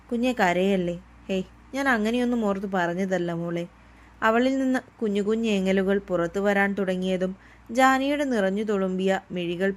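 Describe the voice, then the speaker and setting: A woman reading a serialized romance aloud in a gentle, even storytelling manner. Her voice sits at an ordinary middle pitch. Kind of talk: read-aloud romance narration.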